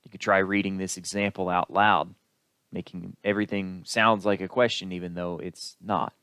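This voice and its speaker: A man with a very low voice lectures on public speaking in a steady, explanatory way. The recording is dry and close, with no room sound. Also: clear, resonant tone, no room sound. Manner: explanatory, unhurried, with occasional fillers. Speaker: instructor.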